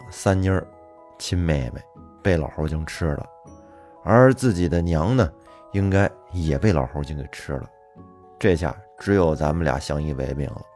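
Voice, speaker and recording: A man telling a folk tale in a lively, colloquial manner with plenty of fillers. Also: deep voice. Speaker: storyteller. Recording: faint music behind.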